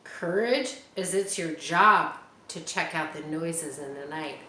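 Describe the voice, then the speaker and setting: Slow and low-voiced, a woman reads a children's picture book aloud, pausing between pages to chat animatedly with her young listeners. It's a storytime session full of chatty asides aimed straight at the kids. The recording has a roomy echo and a faint hiss in the background.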